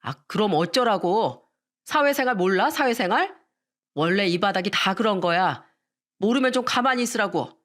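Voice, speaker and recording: A woman's voice: mid-range voice, lively intonation, moderate pace, a bit bright, lightly acted. A woman voicing an arrogant, newly rich male composer who talks down to his wife in a dismissive, sighing way, in a storytelling radio drama. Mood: irritated.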